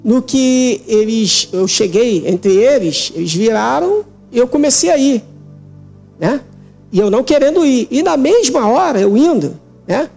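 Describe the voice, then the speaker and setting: Gravelly man giving an emotional testimony. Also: very high-pitched, animated, measured pace, darkish tone, faint music behind. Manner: emotional, repetitive with frequent "né?". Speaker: interview guest giving testimony. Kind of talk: religious testimony of a vision.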